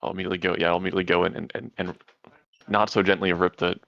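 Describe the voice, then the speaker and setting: A man's voice: deep voice, flat delivery, racing, vocal fry, a bit bright, dry recording, muffled recording. A man talking casually as a player describing his moves in a tabletop game.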